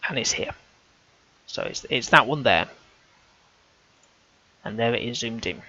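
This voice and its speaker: An amateur researcher talks through on-screen images in a medium-pitched, animated, slightly slow voice with a sharp tone. He sounds casual and hesitant, often restarting and correcting his sentences as he thinks aloud. The recording is dry and the audio dull.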